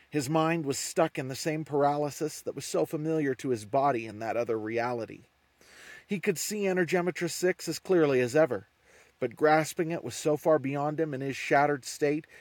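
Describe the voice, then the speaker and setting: A man reading an audiobook in a steady, measured storytelling style. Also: fairly high pitch, no echo. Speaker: audiobook narrator. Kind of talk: scripted narration.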